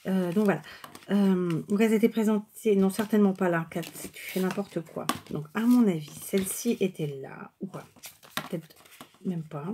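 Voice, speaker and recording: A woman vlogger chatting casually and hesitantly while showing craft cards, often pausing and correcting herself. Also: medium pitch, dark tone, slight background noise. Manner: chatty, rambling, many hesitations and self-corrections. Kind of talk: casual unscripted show-and-tell.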